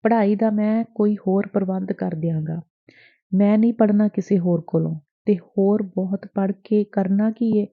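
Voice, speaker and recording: A woman's voice: mid-range voice, moderate pace, close to an everyday voice. A woman voicing an earnest, lovesick young man in an audiobook, close to her own voice. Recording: dry, tinny phone-like sound.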